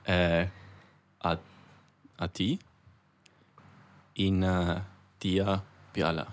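A man's voice: low-pitched, flat delivery, very slow. A man learning a language in a casual lesson chat, playful and chatty as he tries out words on a close mic. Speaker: learner co-host. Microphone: close microphone.

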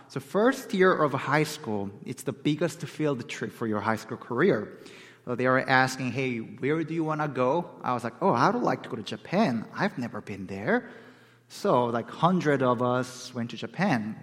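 Man from Korea preaching in a reverberant hall. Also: mid-range voice. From South Korea. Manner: conversational, asks the audience questions. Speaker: guest preacher. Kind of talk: sermon.

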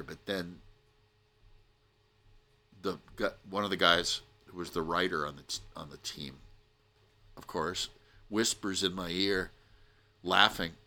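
A middle-aged American man telling a rambling personal story on a podcast, animated and full of restarts. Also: deep voice, unhurried, pauses often. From United States. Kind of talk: casual storytelling monologue.

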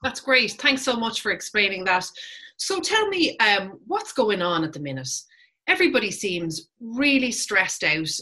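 A woman's voice: medium pitch, very animated, normal speed, pushed and bright. A woman hosting an informal interview, introducing her guest and putting questions. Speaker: host, interviewer.

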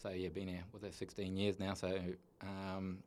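A man in his thirties with a New Zealand accent, telling his personal story as a guest in an earnest, halting way with many restarts. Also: deep voice, monotone, a little mellow, a little hiss or hum.

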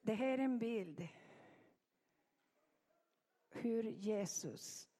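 A woman's voice: fairly high pitch, expressive, warm tone. A woman with a delivering an earnest sermon and reading scripture, often saying amen. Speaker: preacher. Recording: echoey hall with long reverb.

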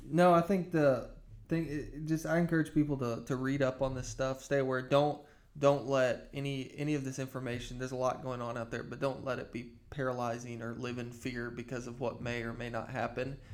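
A man gives conversational financial commentary as a podcast co-host. His voice is medium in pitch, and he speaks a little haltingly, reshaping phrases as he goes. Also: level tone.

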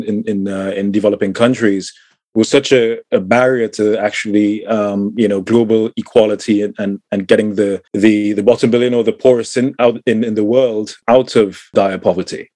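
A man's voice: on the low side, dark tone, no room sound. A man from Trinidad, middle-aged, answering interview questions thoughtfully, with many fillers and repeated words. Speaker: guest, climate tech entrepreneur.

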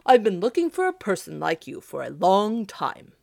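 A woman voicing a jolly, commanding old Santa Claus, speaking in an emphatic, brisk, decisive way. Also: medium pitch, big pitch swings, vocal fry, darkish tone, no echo, clean studio sound.

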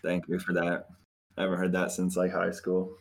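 A man's voice: deep voice, monotone, normal speed, over a noisy crowd. A man introducing his tabletop character, easygoing. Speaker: player. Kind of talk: casual tabletop chat.

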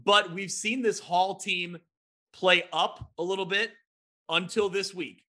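A bright, high-pitched man hosts a casual sports talk show. He talks in an upbeat way, recaps scores and stats, and pokes fun at himself. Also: steady tone, a little slow. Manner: upbeat, self-deprecating, recaps game stats.

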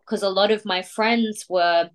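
A woman in her thirties from India talks unhurriedly as a tattoo artist being interviewed. Her pitch sits in an ordinary middle range. She pauses often, filling gaps with soft fillers as she reflects. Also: steady tone. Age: 30s. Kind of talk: casual interview chat.

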